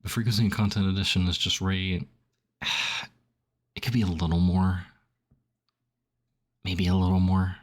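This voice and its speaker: A young gaming streamer with a deep voice and a phlegmy throat rambles casually while filling out a survey, reading options aloud and then reacting, leaning heavily on "like." His pitch moves little, his pace is moderate, and he takes long pauses.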